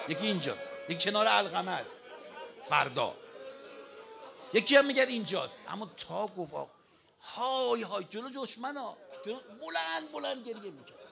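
A man preaching a mourning sermon to a crowd, impassioned, moving between shouting and hushed speech. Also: fairly high pitch, gravelly. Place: mosque hall with a mourning crowd. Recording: crowd noise behind the voice.

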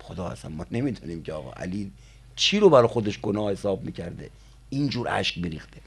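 A man preaching a sermon, telling stories in colloquial speech and slowly chanting prayer lines. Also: low-pitched, big pitch swings, gravelly, slightly rough.

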